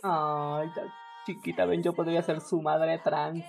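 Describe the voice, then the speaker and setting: Here is a Mexican woman in her twenties with a notably low voice, casually chatting with a friend during a gaming stream. She talks in a chatty, teasing way, full of jokes. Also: level tone, measured pace, gravelly, darkish tone, soft background music. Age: 20s. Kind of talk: casual chat while gaming.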